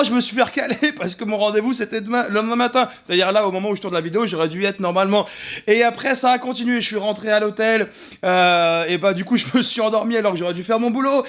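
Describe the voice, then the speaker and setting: A young man from France rattles off stories at a rapid clip in a rather high voice. He is animated and swears freely, acting out the people he quotes. It is recorded casually in a hotel room. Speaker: gaming vlogger. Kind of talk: casual vlog storytelling.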